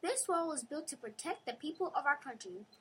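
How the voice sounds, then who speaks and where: A woman's voice: high-pitched, animated, fairly quick, a bit bright. A woman voicing a patient woman schoolteacher in a storybook reading, orderly and instructive.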